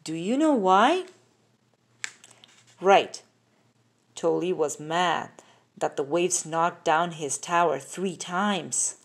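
A woman reading a picture book aloud, slowly and carefully, asking the listener questions, recorded on a phone held over the pages. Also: lowish voice, lively intonation. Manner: slow, careful, sing-song with questions to the child. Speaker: reader. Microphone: phone filming the book up close.

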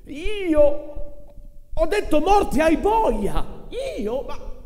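Male actor reading a story on stage, mellow tone. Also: medium pitch. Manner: measured, expressive storytelling. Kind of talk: dramatic literary reading with live cello. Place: concert hall, live event. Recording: long hall reverb with cello music.

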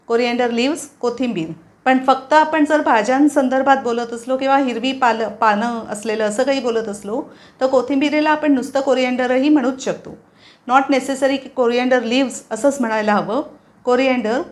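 Patient woman drilling vocabulary words. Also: a little high. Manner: patient, repeats each word slowly for learners. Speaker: English teacher. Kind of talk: vocabulary lesson with repetition drills.

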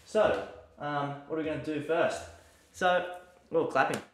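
A man giving a relaxed, chatty music lesson at home, sometimes breaking into sung scales to demonstrate. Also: a little high, measured pace, reverberant. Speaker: piano and music teacher. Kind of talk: casual video lesson. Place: room at home during lockdown. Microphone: mic near the camera.

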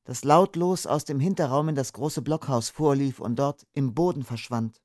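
A man reading an audiobook, voicing a spirited young woman, the major's daughter, who speaks up excitedly. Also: medium pitch, normal speed, no room sound, studio quality, voice pushed up, lightly acted. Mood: agitated. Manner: excited, insistent.

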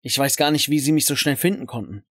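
A man's voice: medium pitch, fast talker, a bit bright, no echo, clean studio sound. A man narrating a first-person story in a scripted, dramatic way.

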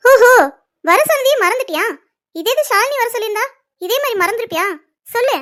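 A jealous, hot-tempered young woman in a cartoon serial. Her voice is very high, and she accuses and stands her ground. There is indignation in every line. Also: animated, fast talker, a bit bright. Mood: indignant.

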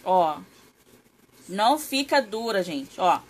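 A woman's voice: medium pitch, big pitch swings, slow pace. A woman hosting a casual craft live stream, chatting with viewers and greeting them by name.

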